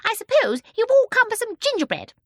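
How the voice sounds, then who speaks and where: A woman voicing a tiny, very old, domineering storybook woman with a high, shrill, squeaky voice. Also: huge pitch swings, a little fast, no echo, studio quality, heavily acted. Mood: chatty, merry. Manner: chattering, domineering, exclamatory. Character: tiny ancient shrill woman, fierce then sweet, gleefully eccentric.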